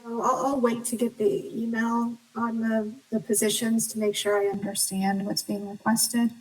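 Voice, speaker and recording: A woman with a slightly high, flat voice speaks carefully, pausing on fillers as she explains options. She sounds distant, as if heard through a call from away from the mic. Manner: even, careful and hesitant with fillers. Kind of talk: formal meeting explanation.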